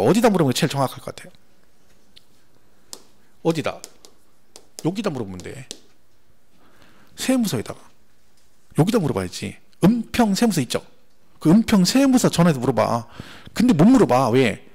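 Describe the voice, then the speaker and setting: A man lecturing a class on tax law for an exam, animated and repetitive, asking the students rhetorical questions. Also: mid-range voice, fairly quick, pauses often.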